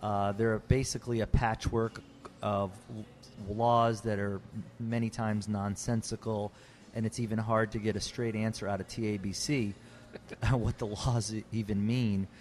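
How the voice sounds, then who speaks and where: Man, low earnest voice. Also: level tone, normal speed, darkish tone, a little hiss or hum. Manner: earnest, explanatory, with many restarts. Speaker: Texas winemaker guest. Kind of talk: casual interview talk.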